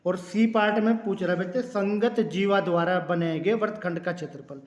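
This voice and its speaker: A man's voice: sits high, moderate pace, reverberant. A man teaching a math lesson step by step, calling his students "children" and repeating key words. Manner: repeats key words, clears throat now and then.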